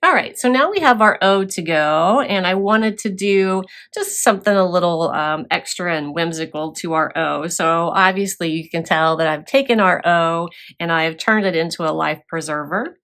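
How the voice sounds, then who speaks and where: A woman's voice: on the low side, normal speed, hardly any pauses, fairly bright tone. Woman teaching a scrapbooking class. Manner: step-by-step explaining with fillers. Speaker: craft class instructor. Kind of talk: scrapbooking demonstration.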